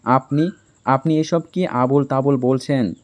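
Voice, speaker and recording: A man voicing a defiant, sharp-tongued young woman who answers back indignantly. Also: mid-range voice, unhurried, natural voice. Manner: indignant, retorting.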